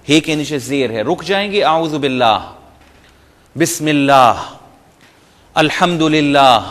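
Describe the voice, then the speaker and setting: A man giving a patient Quran reading lesson in a fairly high voice. He explains each rule step by step and slows down to recite short Arabic phrases. His voice carries a long reverb tail. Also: fairly bright tone. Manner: patient step-by-step explaining, mixing in English terms.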